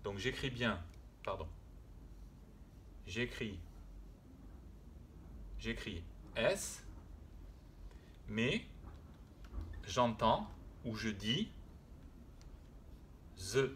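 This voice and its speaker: A man giving a French spelling lesson at a very slow, deliberate pace, repeating each word and sound aloud. He talks patiently and hesitates with frequent fillers. A faint ambient hiss sits behind his voice. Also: fairly low pitch, lively intonation, fairly bright tone. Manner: hesitant, with frequent "euh" and self-corrections. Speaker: French teacher.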